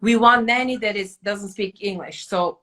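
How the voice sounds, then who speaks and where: A middle-aged woman from Turkey, speaking English with a Turkish accent, telling animated stories in casual podcast chat with slightly broken English. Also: mid-range voice, normal speed. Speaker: podcast host.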